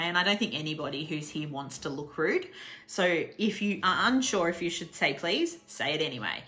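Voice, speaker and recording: An Australian woman giving a casual online English lesson, chatty and laughing often, slowing down to repeat example phrases. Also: fairly low pitch, bright, forceful tone. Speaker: English teacher.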